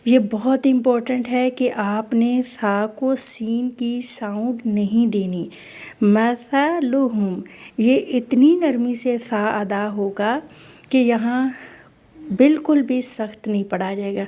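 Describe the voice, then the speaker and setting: A woman teaching Quran recitation online, explaining each sound patiently and modelling words slowly again and again. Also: fairly high pitch, mellow. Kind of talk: online tajweed lesson.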